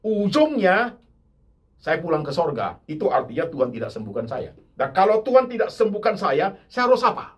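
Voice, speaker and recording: Older guy pastor preaching, husky voice, pitch jumps all over, gets loud on the repeats. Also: big pitch swings, normal speed. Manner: swings from low murmurs to loud emphatic repetition, mixing in English words. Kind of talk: sermon.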